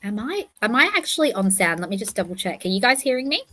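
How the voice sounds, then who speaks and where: A woman's voice: medium pitch, big pitch swings, quick pace, bright, forceful tone. A woman with a lisp and whistling s, chatting and correcting herself as she hosts a casual livestream commentary. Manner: rambling, self-correcting, chatty. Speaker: livestream host.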